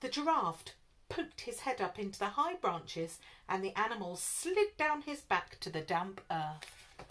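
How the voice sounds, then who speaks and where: Expressive woman reading a children's story. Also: medium pitch, measured pace.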